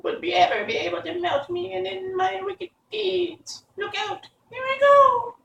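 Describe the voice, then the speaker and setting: A man voicing a wicked, spiteful old witch from a storybook in a shrill, wailing falsetto. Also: lively intonation, unhurried, gravelly, sharp tone, full character voice. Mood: wailing, desperate. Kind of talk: storybook character reading. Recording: roomy, distant mic with background noise.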